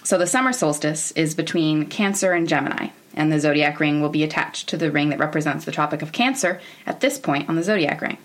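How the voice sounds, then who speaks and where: Woman, thirties, American accent, low-pitched, informal educational narration, wry and candid manner. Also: fairly quick, few pauses. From Oregon, United States. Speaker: podcast host. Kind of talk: semi-scripted educational narration about space history.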